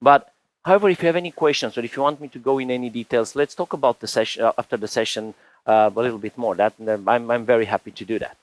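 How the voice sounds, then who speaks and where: On stage at a conference, a fortysomething Romanian speaker talks tech in a rambling, chatty way, often restarting and dropping "you know." The recording is rough but free of echo, and his mid-range voice moves quickly.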